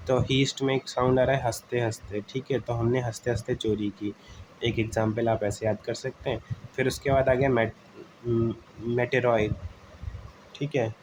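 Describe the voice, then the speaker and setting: A man gives an informal exam-prep lesson on vocabulary, explaining words with memory tricks, calling his listeners "friends," and checking in often with "okay" and repeated "theek hai." He pauses frequently with "uh." His voice is medium-pitched and steady, with background noise.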